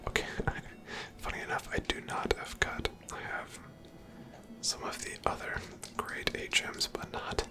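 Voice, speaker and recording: In a breathy, toneless whisper, an ASMR game streamer talks over gameplay, slowly musing to themselves.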